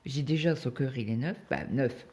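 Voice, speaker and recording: A woman's voice: very deep voice, moderate pace, a little mellow. A woman in her fifties chatting casually as she cross-stitches, telling stories with lots of hesitations and tag words, recorded on a phone. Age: 50s. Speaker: craft vlogger.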